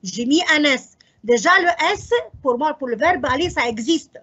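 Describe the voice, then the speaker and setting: Woman, grammar teacher, high breathy voice, unhurried revision-class delivery that quizzes and self-answers, muffled low-fi audio. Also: lively intonation, bright, forceful tone. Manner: slow, methodical, asks and answers her own questions. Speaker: French teacher. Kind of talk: exam revision lesson.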